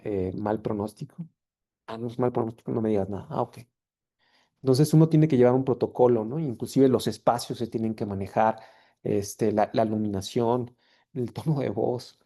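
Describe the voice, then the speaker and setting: A man's voice: medium pitch, dark tone. A man, a physician and anthropologist giving a seminar talk, reflective and self-correcting with many fillers. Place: seminar room or video call.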